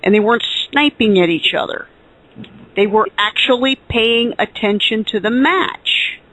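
A man co-hosting a casual podcast chat, giving measured, opinionated takes. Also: sits high, sharp tone, no room sound. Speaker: podcast co-host. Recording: muffled lo-fi audio.

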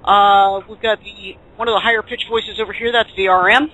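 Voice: medium pitch, fairly even intonation, fairly quick, pushed and bright, highs cut off. A host of a live group talk show, chatting and introducing people with a showman's flourish.

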